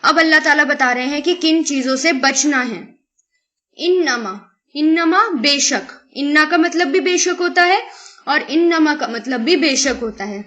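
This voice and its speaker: A woman teaching a Quran lesson. She takes one Arabic word at a time and explains it slowly in Urdu, mixes in English words, and poses rhetorical questions. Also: high-pitched, sharp tone. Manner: asks rhetorical questions to the listener.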